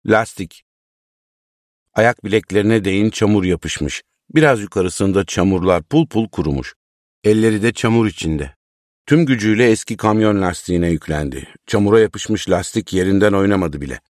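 A man with a very low voice reads a short story aloud. His pace is measured and unhurried. The sound is dry and close to the mic. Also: a little mellow, dry recording. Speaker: narrator. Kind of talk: storybook reading.

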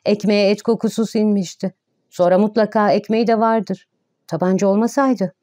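A hungry young male student mutters in a grim, sullen way, as a woman puts him on. He speaks in a storybook reading. The voice is mellow and the sound dry and close. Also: medium pitch, fairly even intonation, moderate pace, dry recording, close to an everyday voice. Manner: muttering grimly.

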